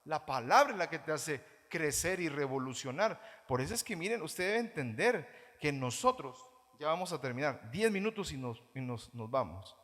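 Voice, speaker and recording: A man with a Guatemalan Spanish accent preaching a sermon as pastor, animated, mimicking churchgoers in mocking voices. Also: a little high, moderate pace, hardly any pauses. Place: church hall. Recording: reverberant church hall.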